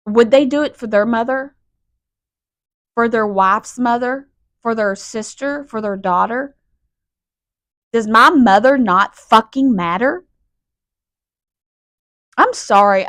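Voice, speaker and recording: Woman, 40s, podcast host; raw, halting emotional monologue, dry close sound. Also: on the high side, fairly bright tone, no echo. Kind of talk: personal monologue.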